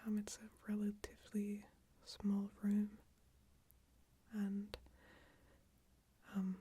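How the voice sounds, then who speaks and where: A woman speaking in a hushed, breathy near-whisper, rambling casually and a little self-consciously in a bedtime ASMR style, with hesitant pauses. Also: medium pitch, completely flat delivery. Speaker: ASMR video creator. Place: small closed room with screens and a PC. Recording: faint background noise, occasional crackles and clicks. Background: occasional crackling from screens and PC.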